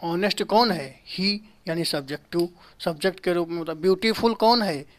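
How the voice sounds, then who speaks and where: A man in his thirties teaching a grammar lesson at a whiteboard in a small room. He explains slowly, repeats key terms and answers his own rhetorical questions. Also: sits high.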